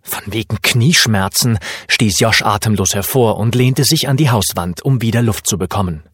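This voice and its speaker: A man narrating a children's story as an audiobook in a lively storytelling manner. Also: fairly low pitch, normal speed, husky, no room sound, studio quality.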